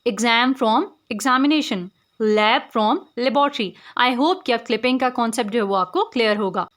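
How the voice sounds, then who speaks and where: Woman teacher, voice a touch high, patient and repetitive, sounds words out syllable by syllable. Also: measured pace, fairly bright tone. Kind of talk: explaining word formation in Hindi-English mix.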